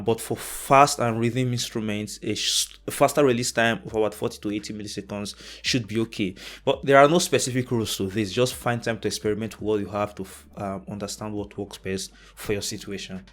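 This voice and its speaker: A man teaching audio mixing in a relaxed, explanatory tutorial, pausing often with ums as he thinks through each point. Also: on the low side. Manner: plain, unhurried explaining with frequent ums.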